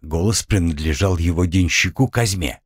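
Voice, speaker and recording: Low-voiced guy reading a fantasy audiobook, lively delivery, dry close mic. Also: normal speed, slightly rough, no room sound. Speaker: audiobook narrator. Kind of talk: scripted narration.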